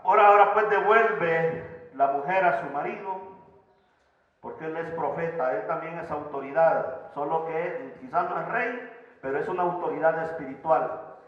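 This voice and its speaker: A man preaches a sermon from a church sanctuary, his voice rising to loud emphatic lines and dropping to soft asides. His voice sits somewhat high for a man. It rings with a long hall reverb and sounds slightly dull and lo-fi. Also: normal speed. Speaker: pastor.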